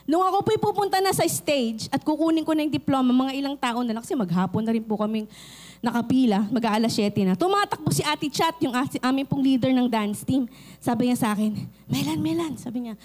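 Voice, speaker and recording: A middle-aged woman pastor with a Filipino accent, preaching a sermon and telling lively personal stories. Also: sits high, a little fast. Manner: animated storytelling, acts out quoted voices.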